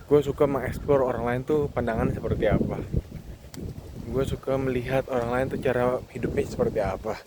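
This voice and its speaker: Walking outside with wind and ambient sound in the background, a twenty-something Indonesian-accented vlogger reflects candidly and casually. His mid-range voice keeps a fairly even intonation, with frequent pauses and English phrases mixed in.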